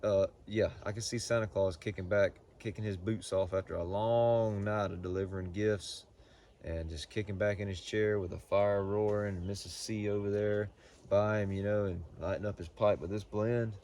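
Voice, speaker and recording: A man with a fairly low voice talks casually, as if reviewing something for fellow hobbyists. His delivery is folksy and halting, with words repeated as he thinks. Faint noise sits behind him. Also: steady tone, darkish tone. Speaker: pipe tobacco reviewer. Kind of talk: casual unscripted review talk.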